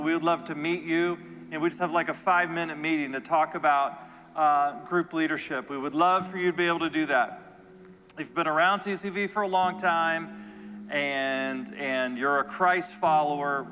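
Bright-voiced pastor preaching in a hall. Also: male voice, a little high, a little hiss or hum. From United States. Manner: animated, jokey storytelling with the congregation. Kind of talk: sermon. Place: large church hall.

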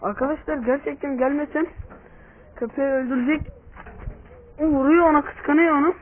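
High-voiced man, tinny phone-like audio. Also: steady tone, moderate pace, a little hiss or hum. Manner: chatty, coos and scolds at his dogs. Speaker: vlogger with pet dogs. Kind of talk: casual vlog chat.

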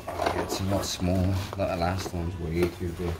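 Seated at a table indoors with music in the background, a fishing vlogger holds his phone and does an unboxing with casual, slang-heavy, sweary remarks. He speaks in a low, level voice at normal speed with vocal fry, and the audio is very noisy.

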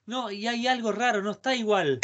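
A man's voice: high-pitched, fairly quick, lo-fi sound, background noise. A man with an Argentine accent giving an online guitar lesson over a video call. He coaches the student and chants repeated syllables to count out rhythms. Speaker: guitar teacher. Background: guitar playing.

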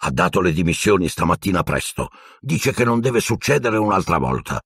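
A man voicing a huge, warm-hearted gamekeeper with homely, plain speech. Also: deep voice, animated, fairly quick, slightly rough, dry recording, studio quality, exaggerated voice. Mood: cheerful, confiding.

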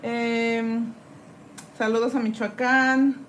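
A chatty woman from Mexico, talking in a somewhat high voice as she files acrylic off her nails. She reads viewer comments aloud, answers them and greets each viewer by name. A faint hum of the nail drill and the room sits under her voice. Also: little pitch movement, very slow, fairly bright tone. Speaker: nail tech streamer. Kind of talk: casual live-stream chat. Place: indoors at a nail desk.

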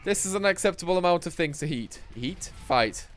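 A man's voice: high-pitched, expressive, brisk, a bit bright, soft background music. A young man streaming a game live, chatting to himself and his viewers in a playful, profane way. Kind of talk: live gameplay commentary.

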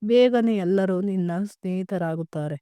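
A woman's voice: mid-range voice, normal speed, dark tone, clean tone, no room sound, close to an everyday voice. A woman voicing a playful young man who teases his younger sister in a storybook tale. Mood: encouraging. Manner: joking, teasing. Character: young man, teasing playful older brother.

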